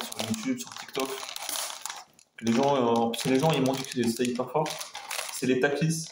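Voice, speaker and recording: A man's voice: mid-range voice, darkish tone. Male food vlogger, hesitant and repetitive, informal chat to camera, recorded in an echoey room. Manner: hesitant, rambling, repeating himself. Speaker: food taste-test vlogger. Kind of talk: casual chat to viewers. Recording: roomy echo, faint background noise.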